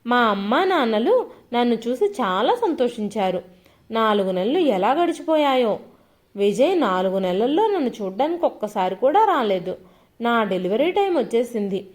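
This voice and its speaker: Female storyteller, first-person narration, lively pitch, slightly high voice. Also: normal speed. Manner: expressive, voices quoted lines with pitch shifts.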